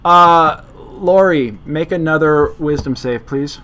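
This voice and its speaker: A man's voice: a little high, slow pace, bright, forceful tone. A man running a tabletop role-playing game as game master, informal and explanatory.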